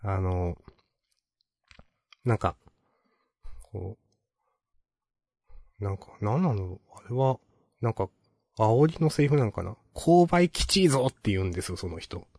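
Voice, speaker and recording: A man's voice: fairly low pitch, expressive, measured pace, vocal fry, long pauses, warm tone, no room sound, clean studio sound. A man co-hosting a podcast, telling stories in rambling casual chat with many fillers and chuckles. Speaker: podcast co-host.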